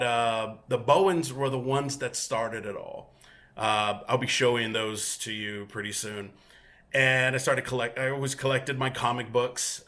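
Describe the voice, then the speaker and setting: He's a Mexican collector, Spanish his first language, showing off his home collection room as the featured guest. His bright, mid-range voice carries an easygoing, chatty self-introduction sprinkled with filler pauses.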